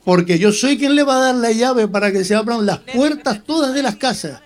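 A man's voice: very high voice, expressive, normal speed. A man speaking as mayor, giving a ceremonial speech at a public festive event.

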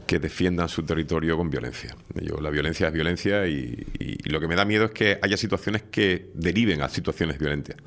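Low voiced guy explaining things calmly in a studio chat. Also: brisk, few pauses. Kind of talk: studio discussion.

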